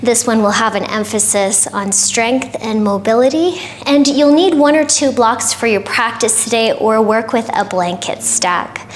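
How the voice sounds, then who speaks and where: A woman yoga teacher giving calm, gentle guided instruction for a short flow, with soft breathy asides. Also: fairly high pitch, a little slow, a little hiss or hum.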